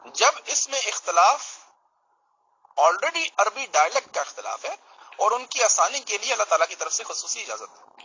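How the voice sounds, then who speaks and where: A man's voice: high-pitched, very animated, bright, forceful tone, breathy edge, lo-fi sound. A man from Pakistan, explaining his case in a religious debate in a teaching manner and checking in with his listener.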